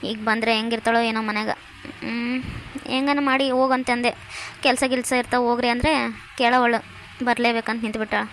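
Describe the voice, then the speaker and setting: A woman's voice: fairly high pitch, flat delivery, brisk, pauses often, fairly bright tone, a little hiss or hum. A woman voicing a scheming middle-aged mother-in-law in a cartoon, muttering sly grumbling asides. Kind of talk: cartoon voice acting.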